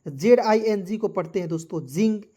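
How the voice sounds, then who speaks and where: A man's voice: high voice, normal speed, warm tone. A man teaching a beginners' lesson, spelling words out letter by letter and often checking that listeners follow. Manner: repeats checks like "clear?" and "okay ji". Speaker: English teacher.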